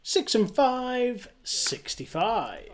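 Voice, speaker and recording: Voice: medium pitch, very animated, very slow. A bingo caller calling numbers live, digit by digit with a rise, then the whole number with a fall. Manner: calls each number digit by digit, rising then falling, then repeats it whole. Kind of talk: live bingo calling in traditional singsong rhyming-call pattern.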